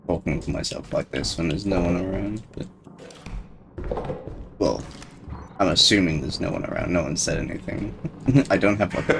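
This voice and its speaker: Streaming a game on his own, a man rambles through casual commentary and often laughs at himself. His voice is low-pitched, with background noise in the recording.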